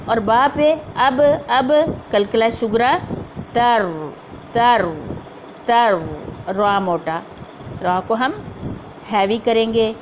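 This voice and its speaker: Female recitation teacher, slightly high voice, unhurried and repetitive, faint background hiss. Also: highs cut off. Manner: slow drawn-out recitation with repeated syllables; patient explaining, repeating points. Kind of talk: tajweed lesson.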